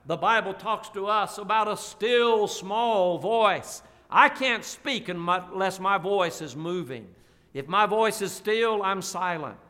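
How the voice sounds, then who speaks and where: High bright preacher. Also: male voice. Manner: preaching with slow emphatic drawn-out phrases and folksy asides. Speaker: pastor. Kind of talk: sermon. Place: church auditorium. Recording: long reverb of a church hall.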